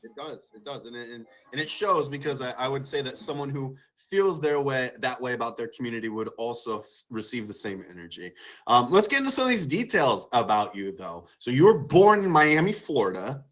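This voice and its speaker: A man with a medium-pitched voice hosting a casual interview show. He is complimentary and chatty, and takes a roundabout path into each question. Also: very animated, fairly quick, fairly bright tone.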